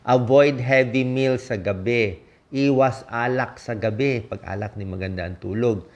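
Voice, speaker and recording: Lo-fi sound carries a medium-pitched, slightly mellow male voice speaking at a measured pace. He's a Filipino doctor giving casual, emphatic health tips, listing them punchily and frequently checking with listeners by asking "di ba?"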